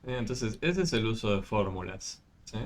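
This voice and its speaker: A man's voice: lowish voice, lively intonation, normal speed. A man tutoring math over a video call, explaining step by step with many fillers. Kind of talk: online tutoring session.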